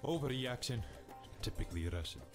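An actor playing a smug computer program with a thick accent, haughty and mocking. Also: male voice, mid-range voice, expressive, brisk, loud music behind the voice, close to an everyday voice.

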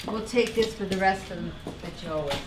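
A woman's voice: mid-range voice, brisk, heavy background noise, natural voice. Woman acting a blunt henchwoman, echoey and distant. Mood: firm. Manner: blunt, impatient. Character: blunt, no-nonsense female henchwoman collecting debts. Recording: echoey, distant mic, loud music.

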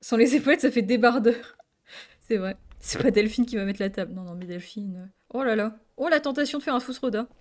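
A woman's voice: a little high, fairly quick. A woman streaming a video game, chatting playfully with her viewers and full of exclamations. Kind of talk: casual live-stream gaming commentary.

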